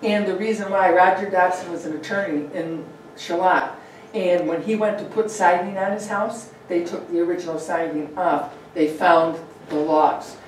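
In a meeting room with a projector, a woman with a lowish, fairly even voice presents local history chattily at a moderate pace, using fillers and asides alongside slides. A far room mic captures it in a very echoey room with a little hiss or hum.

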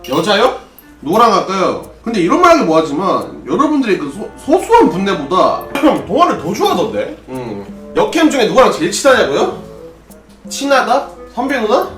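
Roomy-sounding young Gyeongsang streamer. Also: male voice, high voice, wildly swooping pitch, normal speed, fairly bright tone, recorded from a distance. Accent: Gyeongsang Korean. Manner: casual, rambling, answers chat questions. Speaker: streamer, former pro gamer. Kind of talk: solo drinking livestream chat. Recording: roomy livestream audio with faint music.

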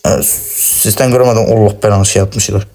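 A man giving excitable, cursing, self-mocking commentary while playing a shooter game on his phone. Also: lowish voice, fairly quick. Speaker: gaming channel host. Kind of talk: casual gameplay commentary.

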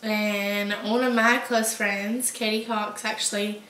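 A woman's voice: medium pitch, little pitch movement, slow pace, a bit bright. Young woman chatting from across a roomy space. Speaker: vlog guest answering questions. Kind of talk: casual chat. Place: small room at home, indoors. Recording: distant, roomy, faint background noise.

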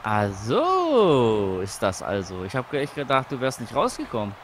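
A man commentating a wrestling video game with a friend, excitable, shouting and groaning at the action and teasing his opponent. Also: mid-range voice, measured pace, slight background noise. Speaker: let's play co-host.

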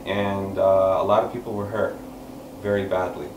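A low-pitched man in his thirties speaks in a level tone at an open mic, earnestly setting up a poem for a small seated audience with frequent pauses and hand gestures. The talk mixes explanation and spoken word poetry, delivered from a couch in a small indoor room. The sound is lo-fi and echoey, recorded by a far-off camera with no mic visible, with noise in the background.

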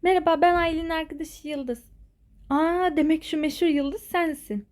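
A woman's voice: extremely high pitch, steady tone, normal speed. A woman doing an anxious, worried schoolgirl. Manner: anxious, hushed, urgent. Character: worried loyal schoolgirl friend.

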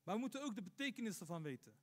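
A man's voice: high voice, big pitch swings, rapid-fire, a bit bright. A man giving a Friday sermon as imam, asking rhetorical questions and repeating points for emphasis. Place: mosque. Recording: long hall reverb.

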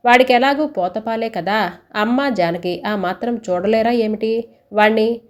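A woman's voice: a little high, a little slow, natural voice. A practical young husband speaking firmly and reasonably, as a woman storyteller puts him on. His tone is level and persuading. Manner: firm, persuading.

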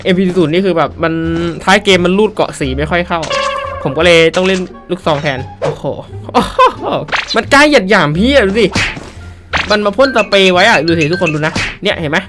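Hyped young guy yelling through a game, high voice, loud game music behind. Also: fast. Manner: loud, excitable, shouts and trash-talks at enemies. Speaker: gaming streamer. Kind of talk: excited gameplay commentary.

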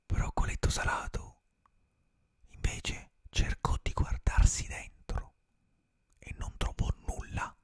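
Close to a studio microphone and wearing earphones, a young male ASMR streamer whispers a bedtime fairy tale in a slow, unvoiced hush with lingering pauses. The small, dim room has colored string lights, and there's no echo.

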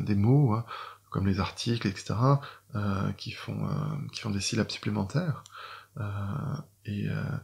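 French guy, middle-aged, low gravelly voice, lots of euhs and restarts, explaining poetry rules. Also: darkish tone. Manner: hesitant, many fillers and restarts. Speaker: doctor and poet. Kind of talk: explaining poetry writing to viewers.

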